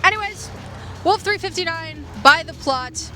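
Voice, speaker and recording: In a very high-pitched, bright, forceful voice, a woman unhurriedly presents a scripted video essay reviewing fiction podcasts. She adds casual asides and leans dramatically on key phrases while background music plays.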